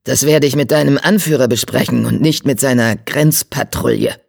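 A narrator voicing a proud tomcat clan leader who speaks in a low, stern, defiant growl. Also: moderate pace, gravelly, a little mellow. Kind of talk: audiobook character voice.

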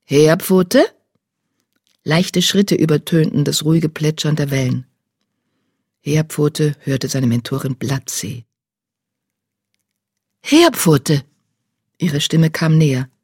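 A reader calmly narrating a children's animal novel in measured storytelling. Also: medium pitch, husky, no room sound, studio quality. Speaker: audiobook narrator. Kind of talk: scripted narration.

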